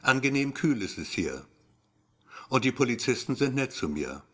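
A man's voice: medium pitch, sing-song, normal speed, a bit bright, husky. Wry man narrating in first person. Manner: wry, brooding inner monologue. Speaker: audiobook narrator.

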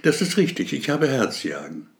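A male reader voices a storybook character: a touchy, pedantic man who is nervous and defensive and always correcting those around him. At normal speed, his pitch swings widely as he insistently presses his point.

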